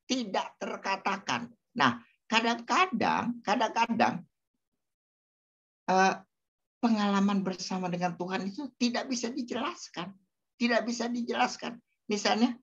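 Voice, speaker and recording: A man's voice: high voice, a bit bright. A man answering questions in a casual spiritual talk, hesitant with many fillers, asking his listeners questions. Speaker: speaker answering audience questions. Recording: dull lo-fi sound.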